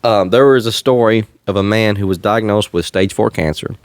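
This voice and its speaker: Man, podcast host, faith chat, earnest and preachy, lowish voice, dry close sound. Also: moderate pace, dry recording. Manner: earnest, preachy, chuckling often. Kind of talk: faith-based casual chat.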